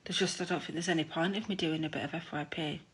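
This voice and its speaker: A woman's voice: deep voice, steady tone, fast, husky. A woman hosting a casual live stream from her room at home, chatting and gossiping into her phone, laughing at herself.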